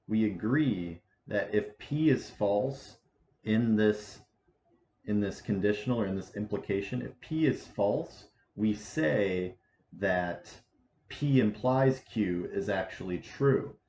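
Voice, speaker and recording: Twenties guy teaching math, lots of restarts, kinda low voice, echoey muffled room sound. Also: a little mellow. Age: 20s. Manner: halting, many restarts and fillers. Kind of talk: casual lecture. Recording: echoey room, dull lo-fi sound, faint hiss.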